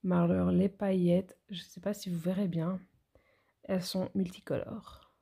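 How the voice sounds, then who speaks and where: A woman's voice: fairly low pitch, level tone, unhurried, gravelly, dark tone. A woman, a nail educator chatting casually through a product haul and speaking straight to her viewers with frequent hesitations.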